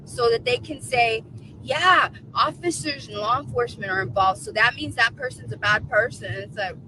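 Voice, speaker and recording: A woman's voice: fairly high pitch, moderate pace, background noise. A woman in her forties chatting casually on a livestream, emphatic and repeating her points for effect. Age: 40s. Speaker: co-host of a livestream.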